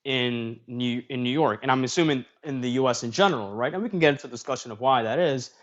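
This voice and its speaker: A streamer host with a mid-range voice talks quickly and casually on a livestream, reading social media posts aloud and commenting on them. The audio sounds dull.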